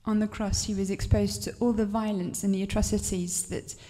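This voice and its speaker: Female sermon interpreter, flat even delivery, mellow tone, long hall reverb. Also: mid-range voice, moderate pace. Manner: steady, with occasional restarts.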